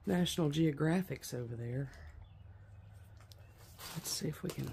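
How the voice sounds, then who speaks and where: A man with a gravelly, creaky voice talks unhurriedly as he picks through a derelict house, often exclaiming in wonder. The sound comes from a handheld camera mic, with a faint hiss behind him. His pitch sits in a middle range. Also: unhurried, darkish tone. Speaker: urban explorer vlogger. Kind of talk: walkthrough narration of an abandoned house.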